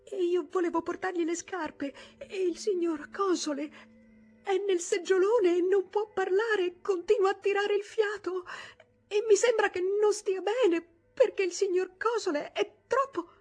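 A woman voicing a panicked young housemaid who stammers breathlessly and pleads in a high voice close to tears. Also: steady tone, measured pace, darkish tone. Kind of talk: audiobook character voice.

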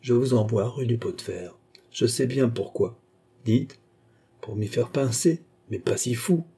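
A man's voice: medium pitch, animated, unhurried, mellow, breathy edge. A man reading an audiobook, voicing a touchy, suspicious petty swindler who protests and blusters. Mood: indignant. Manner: agitated, protesting, indignant.

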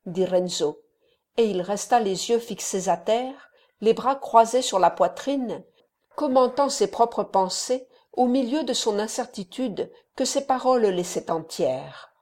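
A woman narrating a classic novel as an audiobook in a measured, even storytelling manner. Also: a little high. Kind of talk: scripted narration.

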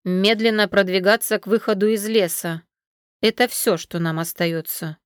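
A woman voicing a young male dragon, the heroine's cousin, who speaks calmly and matter-of-factly in an audiobook. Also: medium pitch, moderate pace, clear, resonant tone, no echo, lightly acted. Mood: grave. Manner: calm, dry, matter-of-fact.

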